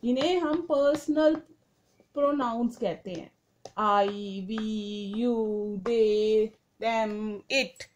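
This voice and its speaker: A woman teacher giving a grammar lesson to children, saying each word slowly and asking questions that she answers herself. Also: sits high, a little hiss or hum. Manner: slow, drawn-out word-by-word dictation.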